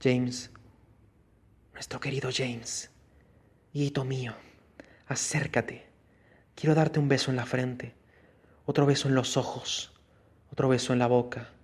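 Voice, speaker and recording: Man playing undead stepmother, hushed hollow murmur, cold and eerie, read-aloud horror story. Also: medium pitch, flat delivery, unhurried, pauses often, slightly rough.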